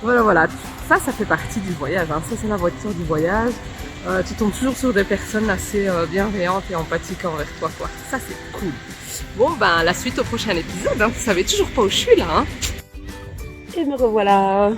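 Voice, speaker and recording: A young woman talking to her phone camera in a casual travel vlog, chatty and upbeat, recorded outdoors. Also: lowish voice. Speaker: travel vlogger. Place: outdoors on a trip, at the airport, the hotel and on an excursion.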